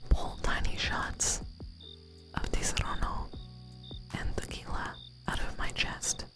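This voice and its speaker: Close to the microphone, a woman live streamer whispers softly to her viewers at a slow pace, playful and giggly. She rambles with plenty of fillers while music plays in the background.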